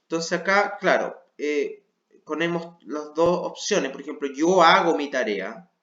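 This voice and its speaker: A man's voice: a little high, lively intonation, a little slow, bright, forceful tone. A man with a Chilean Spanish accent teaching English to adults, walking patiently through a worksheet and checking in with his students often. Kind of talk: explaining a worksheet. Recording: dull, roomy lo-fi sound.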